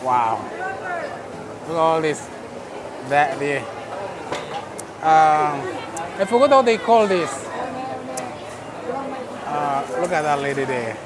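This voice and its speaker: Wandering an outdoor night food court, a Texan travel vlogger narrates casually in a slightly high, expressive voice, taking his time and pausing often. He keeps exclaiming in wonder. Crowd chatter and traffic fill the noisy, crowded street market recording.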